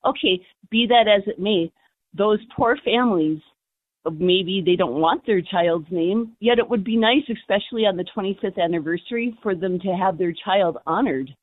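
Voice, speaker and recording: A woman's voice: medium pitch, normal speed, no echo. A woman calling in to a radio show over a phone line, talking earnestly and with some indignation. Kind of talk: call-in radio talk. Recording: tinny dry phone line.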